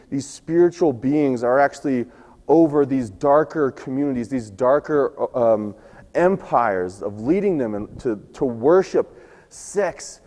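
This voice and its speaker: A man preaching a sermon, telling a scripture story and acting out its quoted lines, his voice going hoarse. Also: medium pitch, dark tone, in a large hall. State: losing his voice. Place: church sanctuary.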